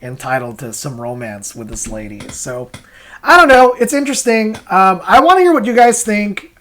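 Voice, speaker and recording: A comic creator and host speaks in a high, somewhat bright, sing-song voice at normal speed. His rambling, casual commentary is hesitant and self-questioning, dotted with chuckles as he explains.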